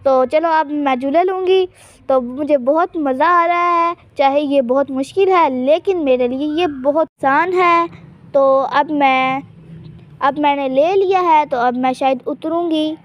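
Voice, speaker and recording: A woman's voice: sits high, unhurried, no echo, lo-fi sound. A woman casually narrating a life-sim game in character, chatty and teasing, often hinting at secrets she won't share. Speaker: gameplay channel host.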